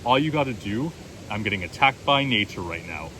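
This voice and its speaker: This vlogger, a meditation coach with a low, deep voice, gives easygoing and supportive tips on meditating. The clip was recorded outside next to a roaring waterfall, whose noise is loud throughout.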